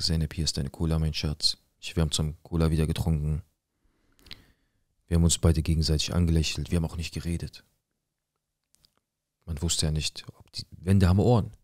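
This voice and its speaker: A man's voice: rumbling low, a little mellow, dry recording, clean studio sound. A young man telling a personal story in casual street slang, acting out quoted dialogue. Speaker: guest telling his life story.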